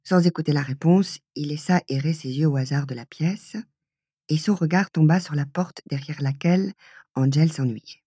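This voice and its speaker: Audiobook reader: woman, low, mellow and husky, measured storytelling, dry close studio sound. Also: no echo. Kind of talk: literary audiobook narration.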